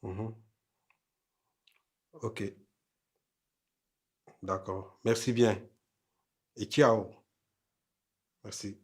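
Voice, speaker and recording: An arrogant husband grown rich, his husky Burkinabè French voice unhurried and dismissive. He drawls his lines with a slow, lazy pace. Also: lowish voice, fairly even intonation, darkish tone, exaggerated voice. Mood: polite. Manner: curt and scornful at home, polite on phone.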